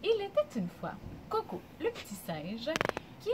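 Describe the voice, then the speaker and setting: A young adult woman, a daycare music teacher telling a story to young children in an animated singsong way. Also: sits high, unhurried, background noise.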